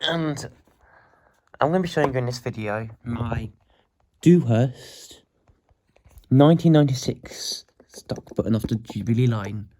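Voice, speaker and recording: A man's voice: mid-range voice, a little slow, pauses often, mellow, slight background noise. A man hosting a casual show-and-tell vlog, groggy from just waking up, chatty and often restarting his sentences. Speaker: hobbyist video host.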